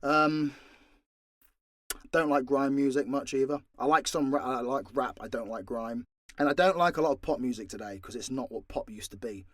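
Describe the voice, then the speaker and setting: Here the voice actor and audio drama maker, a British man, talks at normal speed in a mid-range voice, recorded cleanly in a studio with no echo. It's a loose, unplanned Q&A with fans, delivered with crude humour and bluntness.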